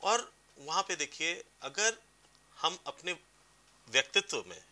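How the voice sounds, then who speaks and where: A man's voice: a little high, sing-song, slow pace, bright, forceful tone. A man giving advice as a career counselor on a TV talk show, explaining with examples. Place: TV studio.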